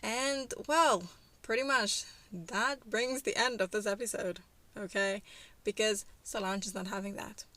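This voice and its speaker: A woman casually narrating a life-simulation game story for her channel. She chats along with plenty of fillers and easy laughter, at an ordinary middle pitch. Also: steady tone, unhurried, sharp tone. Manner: chatty, lots of fillers, laughs easily.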